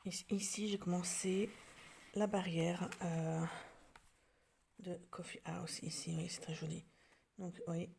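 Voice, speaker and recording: French woman, lowish voice, hesitant home vlogger who slips into soft near-whispers, faint hiss behind her. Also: little pitch movement, measured pace, creaky, long pauses. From France. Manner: hesitant, many fillers and restarts; drops to soft near-whispers while showing details. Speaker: craft vlogger. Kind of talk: casual show-and-tell.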